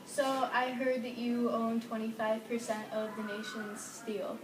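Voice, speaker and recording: A woman's voice: on the high side, little pitch movement, a little slow, background noise, close to an everyday voice. A woman playing the host of an amateur parody show, presenting and questioning in a presenterly way. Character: female myth-testing show host and news anchor. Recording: echoey distant room recording under loud music.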